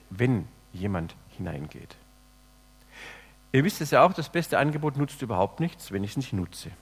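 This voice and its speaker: A man preaching a sermon, swinging between loud emphatic lines and soft, low, hushed phrases. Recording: long hall reverb.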